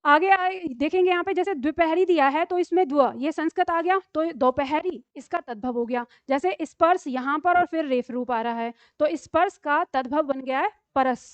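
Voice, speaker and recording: A woman's voice: sits high, moderate pace, hardly any pauses, dry recording. A woman teaching a Hindi grammar class online. She explains patiently and keeps checking in with rhetorical questions.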